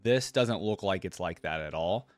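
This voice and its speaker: This low-pitched, animated man speaks at a normal speed with no echo as he hosts a gaming reaction video. His commentary is slangy and off-the-cuff, and the trailer's theme music runs underneath.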